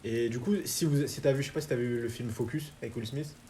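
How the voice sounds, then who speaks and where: Over slight background noise, a young man hosting an anime chat talks fast in a mid-range voice. His relaxed delivery is full of slang and filler words.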